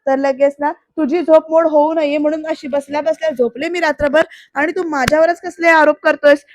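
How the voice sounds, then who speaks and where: A woman's voice: high voice, steady tone, a little fast, voice pushed up, lightly acted. A woman voicing an indignant young wife defending herself.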